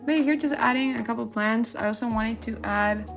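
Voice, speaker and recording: A gaming video creator whose first language is Spanish gives casual, chatty commentary in an informal way, sometimes searching for English words, with background music. Her voice is fairly high-pitched and creaky, at a moderate pace.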